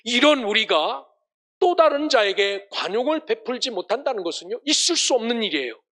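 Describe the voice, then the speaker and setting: High bright-voiced male pastor preaching. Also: very animated, a little fast. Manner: emphatic preaching with rhetorical questions and blessings. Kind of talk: sermon.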